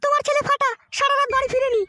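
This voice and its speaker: A woman's voice: very high voice, level tone, racing, pushed and bright, no room sound, clean studio sound. A woman playing a worried village mother who scolds and pleads with her husband about their missing son, in a comic audio drama. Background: background music.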